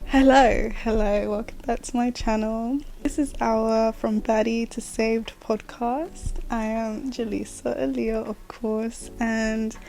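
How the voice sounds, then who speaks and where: In her late twenties, this woman hosts a casual solo podcast, chatting and rambling with laughs and fillers. Her fairly high, creaky, dark-toned voice stays level as she takes it slowly, with few pauses.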